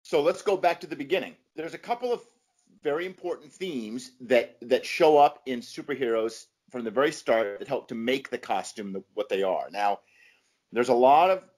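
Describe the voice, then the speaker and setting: A man's voice: mid-range voice, lively intonation, normal speed, a little mellow. Man explaining emphatically as podcast guest. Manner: emphatic, checks in often with "right?". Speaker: podcast guest, comics scholar and author. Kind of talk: informal explanatory interview talk.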